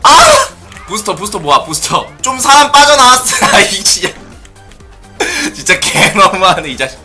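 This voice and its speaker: A man giving playful let's-play commentary on a racing game, often shouting excitedly. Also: high voice, normal speed, faint music behind. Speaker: gaming streamer.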